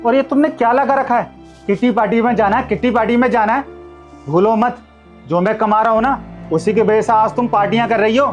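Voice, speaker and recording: A man's voice: very high voice, fairly quick, dull audio, soft background music. A man playing a stern moralising husband. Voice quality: lecturing, moralising. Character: upright husband lecturing his proud wife. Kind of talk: amateur short-film acting.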